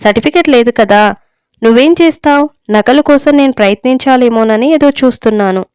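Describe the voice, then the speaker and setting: A woman's voice: a little high, fairly quick, a little mellow, clear, resonant tone, no echo, natural voice. A woman voicing a retired older father in a read-aloud story, with a dry, wry way of talking. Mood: probing. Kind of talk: storybook reading.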